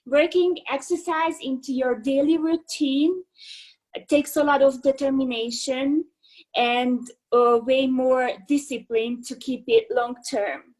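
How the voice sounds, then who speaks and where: A woman, talking about fitness on a video call. Her voice sits high and she takes her time, pausing with fillers and restarting sentences. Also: rough recording. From Hungary. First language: Hungarian. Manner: unhurried, many fillers and restarts. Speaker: fitness instructor, guest. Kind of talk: casual interview over video call. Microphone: video call microphone.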